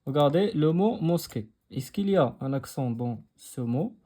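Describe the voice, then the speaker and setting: Moroccan guy teaching a class, patient, repeats stuff, warm mellow voice. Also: on the high side, expressive. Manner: switches between French and Moroccan Arabic; patient, repeats phrases slowly. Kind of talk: explaining a textbook lesson.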